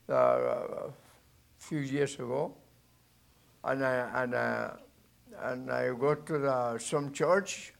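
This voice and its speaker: A man with a gravelly voice preaches a sermon in halting, non-native English, restarting often. He swings between loud bursts and low asides.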